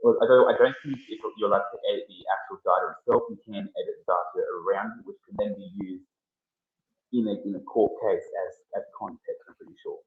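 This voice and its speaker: A man explaining legal points haltingly in a casual podcast discussion, his voice crackling through a loose mic cable. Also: on the low side, lively intonation. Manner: explains law points haltingly, with frequent restarts. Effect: crackling, cutting-out loose mic cable. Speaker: podcast co-host. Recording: tinny, phone-like crackling mic.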